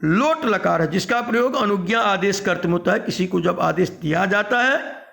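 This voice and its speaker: A man teaching a grammar lesson, chanting verb forms in a slow sing-song drill and then explaining them. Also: sits high, animated, gravelly, fairly bright tone. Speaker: Sanskrit teacher.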